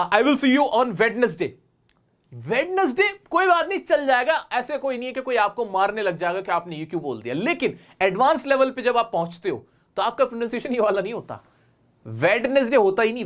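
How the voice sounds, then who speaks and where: A man teaching a spoken English lesson on video, lively and drawing out his English examples slowly for emphasis. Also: high-pitched.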